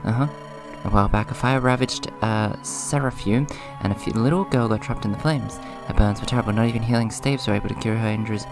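A man hosting a gaming video runs through a casual let's play, his voice hoarse, subdued and average in pitch. He moves back and forth between rambling commentary and reading on-screen dialogue, and video game music plays clearly underneath.

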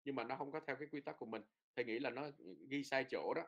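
A man's voice: medium pitch, fairly even intonation, fast, fairly bright tone, muffled recording. A man teaching a pronunciation lesson, explaining rules and repeating drill words with frequent tag words. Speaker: Norwegian language teacher.

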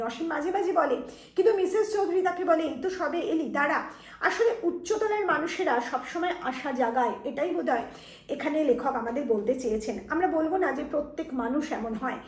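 Woman teacher, high voice, echoey room, revision lesson that speaks to students directly. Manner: explanatory, addressing students directly.

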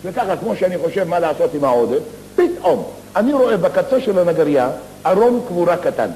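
A man spins comic tales on a theater stage, animated and full of slangy asides. His voice sits fairly high. The live recording carries a long, echoing hall reverb and faint background noise. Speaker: stage comedian. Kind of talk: theatrical comic storytelling monologue.

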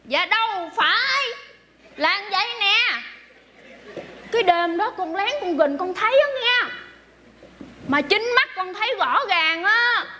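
A woman's voice: very high voice, animated, takes it slowly, pauses often, noisy background, exaggerated voice. A woman playing a young, chatty servant who is testifying loyally for her mistress, rambling and hesitating with many fillers. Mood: earnest, gossipy. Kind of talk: stage comedy skit.

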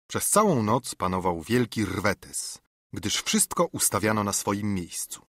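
Husky, expressive male audiobook narrator. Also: lowish voice, no room sound, clean studio sound. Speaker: audiobook reader. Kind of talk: scripted narration.

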